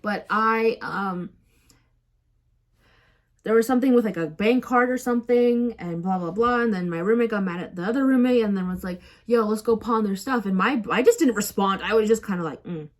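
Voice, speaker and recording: A woman's voice: medium pitch, a little fast. Rambling, self-mocking young woman vlogger. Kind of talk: casual storytelling vlog.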